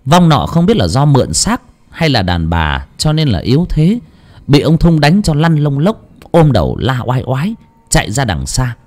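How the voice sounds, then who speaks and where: Male storyteller, mid pitch, very animated delivery, dramatic audiobook narration. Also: normal speed.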